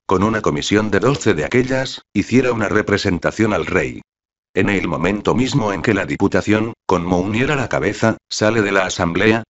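Deep low-voiced guy reading an audiobook, steady and measured, kinda dull lo-fi sound. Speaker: audiobook narrator. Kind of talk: scripted narration.

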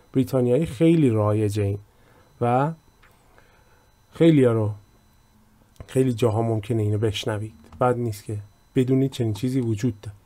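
A man teaching an English vocabulary lesson, reading example sentences out slowly and explaining them. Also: mid-range voice, darkish tone. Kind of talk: language lesson.

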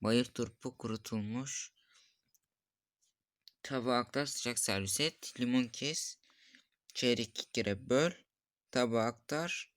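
Clean studio audio with no echo captures a young man's medium-pitched voice, slow and full of pauses. He's a gameplay streamer casually commenting on a mobile cooking game, reading recipe steps to himself and getting frustrated.

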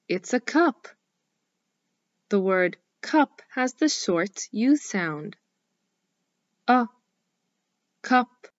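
A woman teaching a scripted phonics lesson for young children, speaking slowly and clearly in an encouraging way. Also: on the high side, dry recording. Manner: slow, clearly enunciated, encouraging.

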